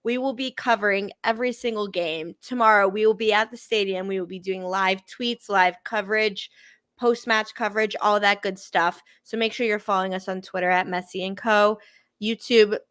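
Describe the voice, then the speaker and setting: A woman's voice: medium pitch, fairly even intonation, normal speed, a bit bright, clear, resonant tone, no room sound. A woman, hosting a casual live sports stream, upbeat and chatty, full of "you know" and "like". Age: 20s. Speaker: sports show host.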